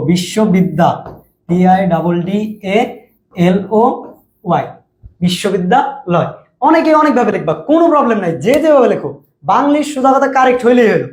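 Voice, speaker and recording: A young male teacher with a colloquial Bangladeshi accent, his voice high for a man, lectures students in a casual style. He keeps asking whether they understand and stretches example words out slowly. The recording carries a roomy echo. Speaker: admission coaching teacher.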